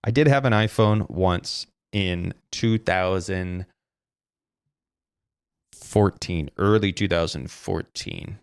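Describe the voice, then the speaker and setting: Speaking slowly in a low, clean-toned voice with no room sound, this solo podcast host keeps things casual. Using a desk mic run through a streaming interface, he rambles on, cursing as he corrects himself.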